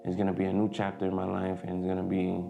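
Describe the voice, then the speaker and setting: A young Dominican man, Spanish his native language, vlogs casually to camera, hesitant and full of fillers and restarts. His gravelly voice is low, monotone, and quick, captured in narrow, tinny audio with a noisy background.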